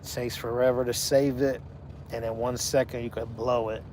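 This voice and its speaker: A man's voice: medium pitch, little pitch movement, normal speed, a little mellow, a little hiss or hum. A man in his forties, chatting casually on a livestream and talking to his viewers by name. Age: 40s. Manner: laid-back, talks to chat viewers by name. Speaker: livestream host. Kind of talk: casual live chat.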